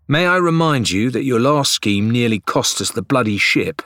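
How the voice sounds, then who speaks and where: A man's voice: medium pitch, expressive, normal speed, sharp tone, no room sound, pitched above the performer's own voice. A man voicing a grim, blunt female pirate captain who speaks curtly. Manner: curt and grim.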